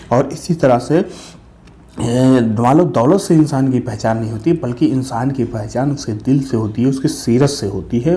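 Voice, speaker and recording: Mellow-voiced man teaching a lesson. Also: medium pitch. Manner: repeats and checks with "theek hai"; explains word meanings slowly and patiently. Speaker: Urdu teacher. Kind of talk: reading a lesson aloud and explaining it to children.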